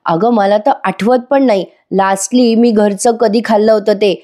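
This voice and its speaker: A woman's voice: medium pitch, moderate pace, mellow, lightly acted. A woman doing an exasperated young husband. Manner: coaxing, exasperated.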